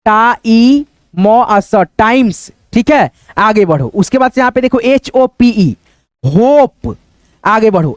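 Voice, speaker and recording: Patient woman teacher spelling words slowly. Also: fairly high pitch, a little mellow, no room sound, clean studio sound. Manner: spells letters out, then repeats each word slowly; patient, repetitive, asks and answers own questions. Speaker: English teacher. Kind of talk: beginner reading lesson.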